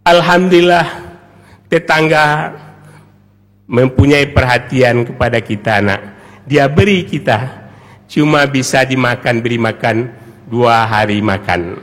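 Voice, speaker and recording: A man's voice: unhurried, pauses often, fairly bright tone, close to an everyday voice. A male preacher speaking as a devoted mother who pleads with her child during a mosque sermon. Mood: tender, sorrowful. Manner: tender and pleading, with sudden swings from low murmurs to high cries. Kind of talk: Ramadan night sermon, dramatic storytelling. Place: large mosque. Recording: long echo of a large mosque hall.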